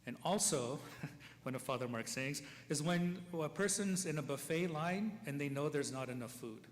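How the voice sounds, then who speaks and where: In a church, a priest with a somewhat high male voice delivers a eulogy at a funeral mass at a normal pace. His style is conversational: he checks in with the congregation and chuckles between stories. The recording carries a long church reverb and faint ambient noise.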